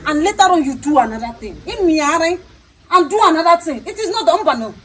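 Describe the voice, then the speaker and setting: A woman with a high, expressive voice and a Nigerian accent talks at a quick pace, sternly scolding and repeating herself for emphasis. She's a traditional priestess in an unscripted confrontation, and the poor-quality audio includes crowd noise.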